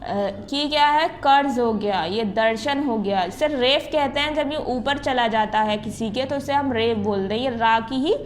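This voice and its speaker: A woman school teacher giving a recorded grammar lesson. She explains step by step, repeats terms and sounds out letters slowly. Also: fairly high pitch, slight background noise. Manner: often checks in with the class.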